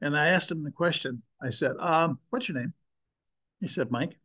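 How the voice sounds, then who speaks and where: A man's voice: fairly high pitch, moderate pace, sharp tone, slightly rough. An older man speaking earnestly and with emphasis, preaching and sharing a personal testimony with his listeners.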